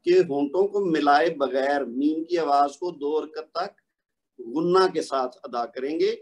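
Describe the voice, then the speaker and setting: Guy teaching quran recitation online, slightly higher voice, patient, goes step by step. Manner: patient, explains step by step, then recites examples slowly and drawn out. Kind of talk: recorded online lesson.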